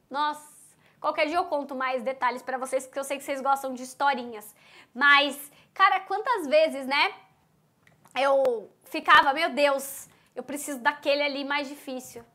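A woman leads an online mini course with a high, bright voice. She talks straight to her audience in an animated, teasing way. She often slips into the voices of the people she describes. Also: moderate pace. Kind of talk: lively live-class teaching.

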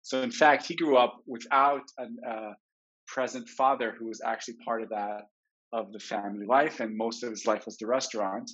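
A man in his forties from Israel, a therapist giving a webinar talk, telling his own story in a candid, reflective way, heard through low quality webinar stream audio. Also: fairly even intonation, moderate pace, fairly bright tone. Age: 40s. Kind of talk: personal storytelling lecture. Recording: dull lo-fi webinar recording.

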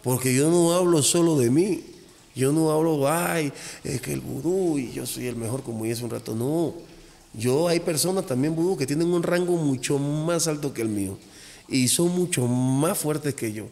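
Gravelly-voiced man, animated podcast guest. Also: a little high, moderate pace. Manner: animated storyteller, acts out dialogue, repeats phrases. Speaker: voodoo priest guest. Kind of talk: casual podcast talk. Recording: long echoey reverb.

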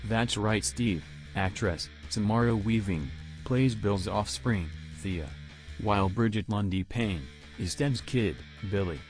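A synthetic male voice acting as podcast co-host, reading lines in a flat, stiff computer manner. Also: lowish voice, takes it slowly, soft background music. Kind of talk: scripted synthetic readout.

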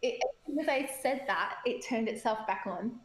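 A woman chats on a podcast, excitable and often breaking into laughter. Her voice sits a little high. The recording carries a noticeable room echo. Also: normal speed. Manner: giggly, excitable. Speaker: podcast co-host. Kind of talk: casual chat. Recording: echoey room.

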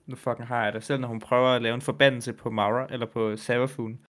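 A male podcast co-host talks casually at a middle pitch. He reads story passages aloud in a steady voice, then breaks into loose chat with fillers and the occasional swear word. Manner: reads quotes flatly, chats with fillers and swearing. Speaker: podcast co-host reading game lore aloud. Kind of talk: casual chat and lore reading.

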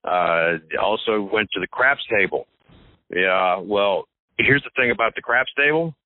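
A man's voice: lowish voice, a little slow, no room sound. Rambling man on a tinny phone line. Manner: rambling, joking, stammering. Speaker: regular co-host calling in. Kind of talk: casual podcast chat. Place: Las Vegas hotel.

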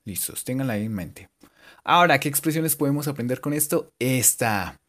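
A man giving a casual, joking English lesson and repeating English words slowly for his students. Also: mid-range voice, animated, a bit bright. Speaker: English teacher. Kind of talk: casual bilingual language lesson.

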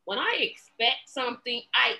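Woman host, bright and a bit high, animated, sarcastic, restarts lines. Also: normal speed, gravelly, low-quality recording. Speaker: podcast host. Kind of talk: casual political chat.

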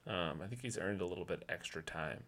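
Man, podcast co-host, laid-back, hesitant, joking, lowish voice. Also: expressive, fairly quick, a bit bright. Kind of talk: casual sports chat.

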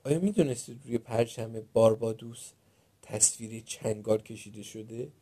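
A man reading a children's storybook aloud in the first person, with a Persian accent and a lively, playful delivery. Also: medium pitch, no echo. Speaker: narrator.

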